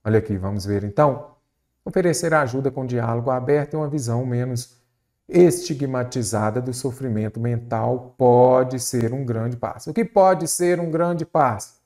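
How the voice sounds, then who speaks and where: A Brazilian man teaches an exam-prep lesson in a voice of middle pitch. He has a Brazilian Portuguese accent and breaks each point down step by step. He keeps asking his listeners questions before he gives the answers. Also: normal speed, darkish tone.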